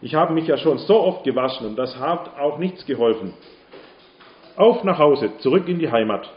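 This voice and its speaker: A man's voice: on the high side, lively intonation, moderate pace, natural voice. A man voicing a rich, sick foreign commander who talks in emotional exclamations, in a dull, roomy recording with faint hiss. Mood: bitter.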